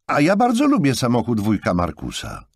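A man voicing an excited little boy in an audiobook, eager and shouting, with a raised pitch. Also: measured pace, no echo, studio quality.

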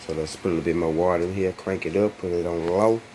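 Holding his phone camera at arm's length, a cooking channel host in his thirties shows a recipe in a small home kitchen, chatting in a relaxed, slangy style. He has a deep, mellow voice with a steady tone and quick pace, and the recording carries a little hiss or hum.

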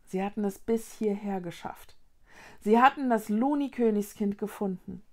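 A woman reading a children's storybook aloud in a calm, soft and measured way. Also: medium pitch. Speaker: storybook reader.

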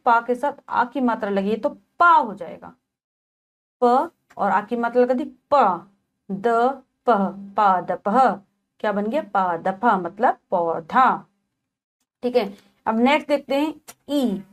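A woman teaching a children's lesson, slowly spelling out letters one by one and checking in often with "okay". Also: a little high. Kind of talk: textbook lesson explaining Sanskrit vowel signs to children.

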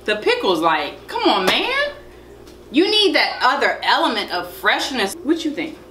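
A woman hosting a casual food review, chatty and lively, laughing often. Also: a little high, normal speed, reverberant, slight background noise. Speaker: food vlogger host.

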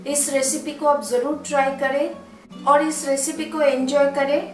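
Soft music plays beneath a high, darkish female voice that barely changes pitch and moves a little slowly. She's a home cook with an Indian accent explaining her recipe step by step on her channel, in straightforward instructions that blend Hindi with English.

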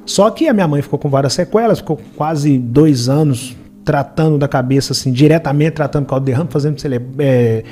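Speaking fairly quickly in a warm, slightly high voice, a forties-aged podcast guest with a Minas Gerais Brazilian Portuguese accent narrates his life story. He earnestly acts out the quoted voices of others along the way. He's recorded on a boom-arm studio microphone in a studio featuring a brick wall and purple lighting.

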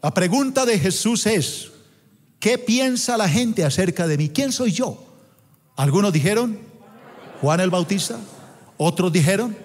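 A man preaching a sermon in a church auditorium, emphatic and prompting the congregation to call out key words. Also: high-pitched. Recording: long hall reverb in a church auditorium.

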